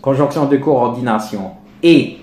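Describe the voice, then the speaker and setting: A man teaching a lesson on pronunciation, slowly and deliberately repeating his examples. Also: mid-range voice, warm tone, roomy sound. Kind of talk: lecture on French pronunciation.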